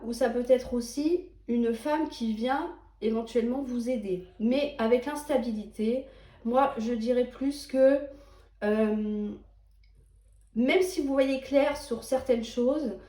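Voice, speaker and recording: A woman's voice: a little high, warm tone, reverberant. A woman giving a chatty, reassuring tarot reading, often checking in with her listener. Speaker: tarot reader. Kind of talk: tarot card reading monologue.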